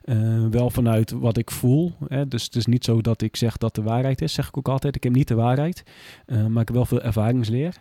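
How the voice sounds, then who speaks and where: A man's voice: mid-range voice, fairly even intonation, a little fast, hardly any pauses, dark tone, dry recording, clean studio sound. A man in a candid interview who speaks bluntly and plainly and often swears. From Groningen. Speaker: guest, former police officer.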